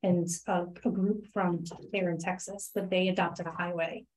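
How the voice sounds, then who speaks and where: A woman who leads a town committee meeting, asking questions and thinking through ideas out loud. Her voice sits fairly low and has a warm, relaxed tone. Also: normal speed, rough recording. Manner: inquisitive, thinking aloud. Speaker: committee member leading the agenda. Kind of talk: meeting discussion.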